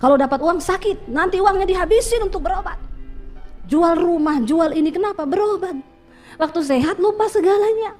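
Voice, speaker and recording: A woman's voice: very high-pitched, fairly quick, a little mellow, faint music behind. A woman pastor preaching a sermon, telling stories with quoted voices and asking the congregation questions.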